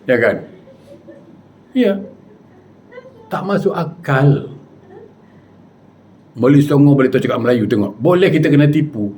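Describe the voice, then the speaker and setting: A man preaching with animated, jokey storytelling. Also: mid-range voice, a little slow, long pauses, slight background noise. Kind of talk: humorous storytelling sermon.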